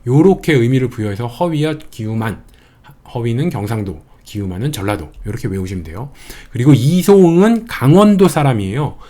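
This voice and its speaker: A man's voice: medium pitch, expressive, brisk, dark tone. A man giving an exam-prep history lecture, chatty and playful, building mnemonic wordplay as he teaches.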